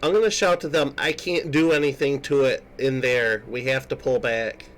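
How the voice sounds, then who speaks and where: A man's voice: medium pitch, normal speed. A man chatting casually as a player in a tabletop role-playing game. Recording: faint music behind the voice.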